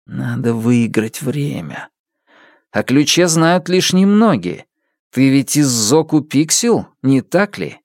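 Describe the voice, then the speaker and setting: A man's voice: mid-range voice, very animated, slow, a little mellow, no echo, studio quality. A man reading aloud, voicing a defiant, earnest young man who is a detective in a storybook. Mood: guarded.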